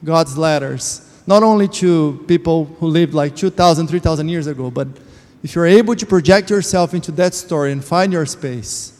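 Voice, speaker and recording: Sharing his personal testimony of faith, a church member, a native Portuguese speaker, sounds earnest and reflective and slows on the words he cares about. His darkish voice is slightly high for a man, with a long church-hall reverb following each phrase.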